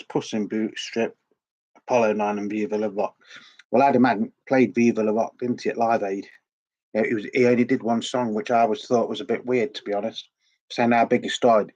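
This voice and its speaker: With a fairly low pitch and darkish tone, a middle-aged man with a sore throat chats on his record collecting vlog. His talk is casual and rambling, and he repeats words frequently.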